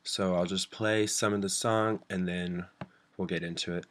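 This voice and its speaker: A man with a stuffy voice from a cold, casually walking a friend through a music software tutorial. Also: sits low, fairly even intonation, normal speed, a little hiss or hum. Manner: casual, with fillers like um. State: stuffy, under the weather. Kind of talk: screen-recorded software tutorial.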